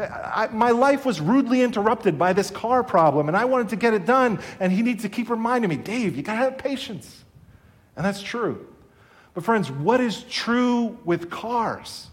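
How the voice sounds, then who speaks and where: A middle-aged man preaching a sermon as a pastor, earnest and conversational with his congregation. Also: sits high.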